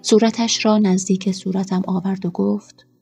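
A woman narrating a first-person story in a quiet, measured way. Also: medium pitch, little pitch movement, creaky, faint music behind.

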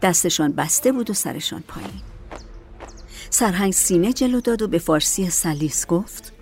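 Low-voiced woman narrating a story. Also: animated, slight background noise.

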